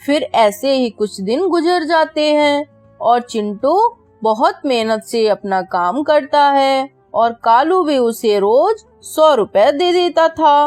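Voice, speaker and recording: In a high, darkish voice, a woman narrates a children's cartoon story at a slow, measured pace. The dry sound has no room sound, with faint music in the background.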